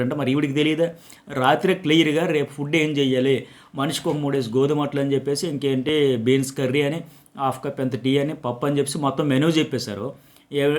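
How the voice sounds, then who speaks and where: A middle-aged man, a journalist giving emphatic commentary on a reality show and acting out quotes from it. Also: on the high side. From Telugu-speaking India.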